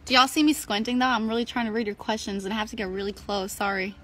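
A 21-year-old woman from New Jersey, a wrestler co-hosting a phone livestream, chats casually and playfully while reading out viewer comments. Her mid-range voice is fairly bright, with fairly even intonation and a quick pace. She's in a small indoor room, holding the phone camera close.

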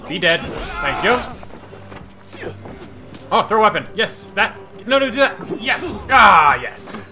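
A man giving casual gameplay commentary as a streamer, excitable and cursing at enemies while game music plays. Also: high voice, slow. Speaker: gaming streamer. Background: game audio and music.

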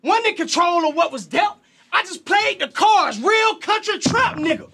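Man, Southern US country accent, battle rap, shouted aggressive bars, very high voice. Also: animated, normal speed. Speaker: battle rapper. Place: live battle event with a crowd.

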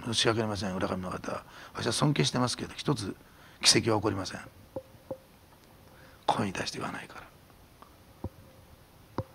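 A middle-aged man preaching a sermon as pastor, swinging from hushed whispers to loud emphatic declarations. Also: on the high side, vocal fry, breathy edge. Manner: animated preaching, drops to a hushed whisper for emphasis, then shouts.

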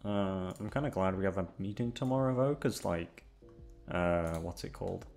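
Over faint background music, a male audio content creator speaks at normal speed in a low, slightly mellow voice with vocal fry. His chat is casual and hesitant, a rambling, self-deprecating monologue full of swearing.

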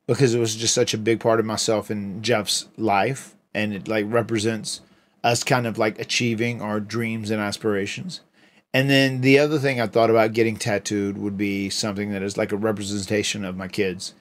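A middle-aged man co-hosting a livestream, talking casually and rambling with fillers and restarts. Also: fairly low pitch. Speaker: retired pro wrestler, co-host.

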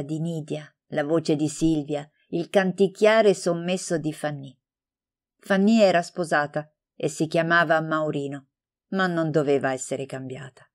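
A woman narrating a novel as an audiobook in a calm, measured, scripted reading. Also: deep voice.

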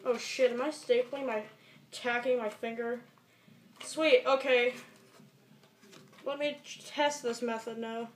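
A young teenager speaks slowly with frequent pauses in a mid-range voice of fairly even intonation, muttering and swearing through an improvised tutorial vlog. This amateur video maker's home recording, captured by a camera mic in a small bedroom, is noisy and echoey.

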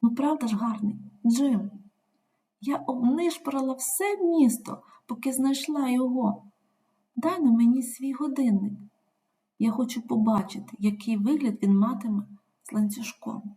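A woman's voice: fairly high pitch, moderate pace, warm tone, voice pushed up, lightly acted. A woman voicing a tender young wife, pleading. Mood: eager. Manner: earnest, emotional pleading.

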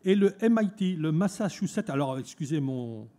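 A man with a fairly high but mellow, warm voice gives a talk at a fair. He speaks loosely, with lots of "hein" and small restarts, addressing a live room. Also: expressive, moderate pace. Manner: conversational, frequent "hein" tags, restarts. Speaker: lecturer at a trade fair talk. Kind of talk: conference talk. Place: conference room at an eco fair.

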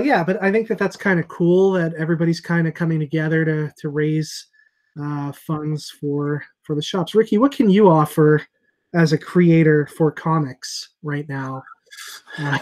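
This man's voice is on the high side and a little mellow, with fairly even intonation at a moderate pace. In his thirties and the owner of a comic shop, he hosts a casual chat by video call from a room at home with an earphone headset, rambling with lots of fillers and restarts.

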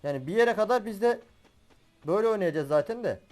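A young man giving excitable commentary while he plays a battle royale game as a gaming YouTuber, swearing and laughing as he goes. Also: high voice, fast talker, faint music behind. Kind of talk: live gameplay commentary.

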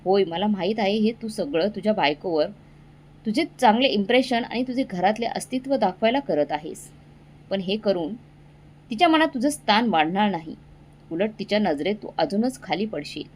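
A woman's voice: medium pitch, lively intonation, normal speed, darkish tone, breathy edge. A woman voicing a stern older father who sharply scolds his grown son.

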